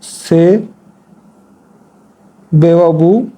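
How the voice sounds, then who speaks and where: Male tutor, mellow and a little high-pitched, patient, spells words out slowly during the lesson. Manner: talks while demonstrating at a board. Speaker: Urdu writing teacher. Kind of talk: instructional lesson.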